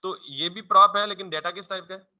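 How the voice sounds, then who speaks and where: A programming instructor gives a coding tutorial lecture in a bright, high, steady voice at a fast clip. His classroom explaining is informal and conversational, and he keeps quizzing the listener with rhetorical questions he then answers himself.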